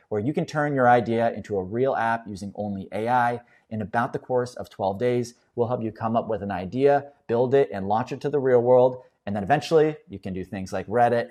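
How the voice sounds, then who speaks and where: A young man hosting a casual screen-share tutorial, explaining each step in an upbeat, relaxed way. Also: mid-range voice. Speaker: host.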